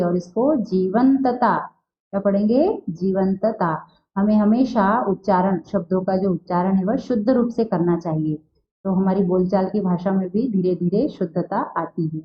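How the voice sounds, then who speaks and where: A woman teaching a Hindi class, who asks a question and answers it herself, and slowly repeats words to show how they are said. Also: medium pitch. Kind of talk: recorded class lesson. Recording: dull lo-fi sound in an echoey room.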